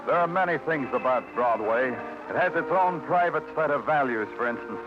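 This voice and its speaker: With music playing under a dull vintage radio recording, this 1940s noir drama features an American actor as a clipped, world-weary New York police detective narrating his case. His medium-pitched male voice is natural and expressive at a moderate pace, and the scripted narration feels brooding and moody.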